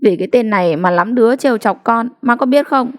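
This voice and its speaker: A woman voicing a quick-tempered young wife who answers back sharply and indignantly. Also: a little high, pitched above the performer's own voice, close to an everyday voice.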